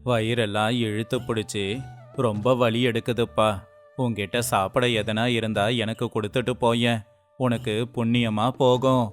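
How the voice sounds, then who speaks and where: A man's voice: mid-range voice, flat delivery, moderate pace, faint music behind, close to an everyday voice. A man doing a starving old beggar. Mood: weak pleading. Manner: faint, pleading, strained. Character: starving old male beggar, weak and pleading. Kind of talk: storybook voice acting.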